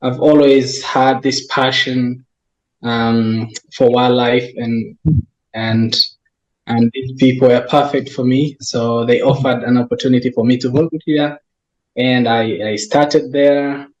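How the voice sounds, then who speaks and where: A man's voice: medium pitch, little pitch movement, darkish tone, highs cut off. A young Tanzanian man working as a wildlife research coordinator, being interviewed and answering thoughtfully with many restarts. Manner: slow and thoughtful, with frequent restarts. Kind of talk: conversational interview.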